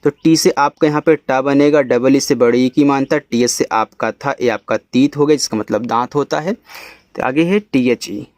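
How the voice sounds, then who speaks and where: A man from India teaching English reading, spelling each word letter by letter and then sounding it out slowly. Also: mid-range voice, steady tone, a little mellow, no echo. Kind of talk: step-by-step spelling lesson.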